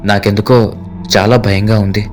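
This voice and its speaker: A man's voice: lowish voice, level tone, normal speed, music in the background, close to an everyday voice. A man voicing a frightened young man who pleads with his friend in a horror story, in an anxious voice.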